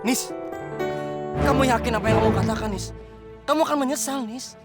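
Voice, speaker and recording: An actor playing a pushy, jealous young suitor in a comic TV serial, whiny and pleading. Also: male voice, extremely high pitch, fairly quick. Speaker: rejected suitor pleading with the girl's father. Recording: loud music behind.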